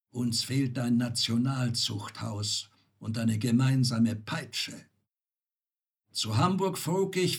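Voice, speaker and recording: A man voicing a weary, mocking knight back from his travels, recited slowly and dryly as poetry. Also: medium pitch, slightly rough. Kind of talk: poetry reading.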